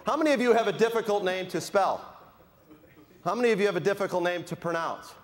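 Joking man giving a lively keynote. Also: high-pitched, fast. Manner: joking, addresses the audience with show-of-hands questions. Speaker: keynote speaker. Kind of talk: live keynote speech to an audience. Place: conference hall with a live audience.

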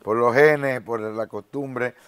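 A man's voice: mid-range voice, steady tone, takes it slowly, a bit bright, clear, resonant tone. A young man hosting a faith interview show in a TV studio, on a lapel mic, affirming and preaching in asides. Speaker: host. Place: TV studio set.

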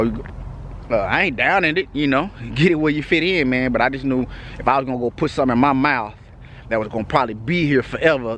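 Slight background noise accompanies a Texas man's casual vlog update, recorded outdoors at night. Speaking in a Texas accent with a medium-pitched, slightly bright voice, he stays loose and laid-back and often says "you know what I'm saying."

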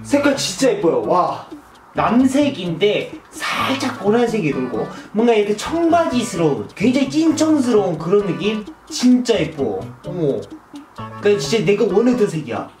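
A man's voice: high-pitched, a little mellow. A goofy, bubbly man in his twenties hosting a playful hair-dye tutorial vlog and cracking self-mocking jokes, recorded indoors at home. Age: 20s. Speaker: beauty vlogger. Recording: roomy echo with background music.

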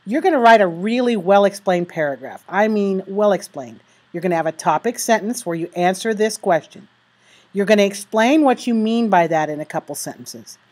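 A woman teacher with the hiccups, talking students through how to write a paragraph and reading sample sentences slowly. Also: medium pitch, lively intonation, a little mellow. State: has the hiccups. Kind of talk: recorded writing lesson.

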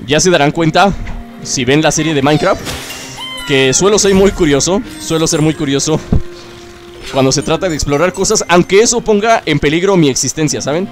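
A young man, chatting excitedly as he plays through a video game and cheers himself on. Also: a little high, normal speed. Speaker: gaming YouTuber. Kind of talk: let's play commentary. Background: game music.

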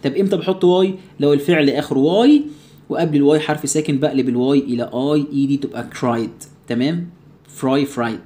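A man with an Egyptian Arabic accent teaching an English lesson, asking himself students' questions and answering them, repeating each English word slowly to drill its sound. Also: fairly high pitch, dark tone. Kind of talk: recorded classroom lesson.

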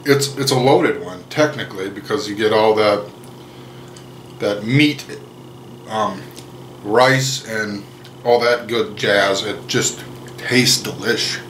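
This cooking vlogger, a man in his thirties, speaks in a fairly low, slightly bright voice over a faint hiss or hum. Moving between his kitchen and dining room at home, he keeps things slow and jokey, pausing to chew as he cooks and samples the food.

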